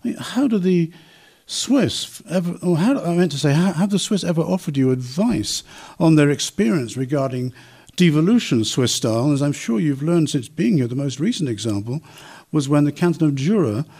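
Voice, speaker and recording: A man's voice: on the high side, expressive, normal speed, mellow, slightly rough. A man interviewing an ambassador for listeners, asking formal, long-winded questions with restarts.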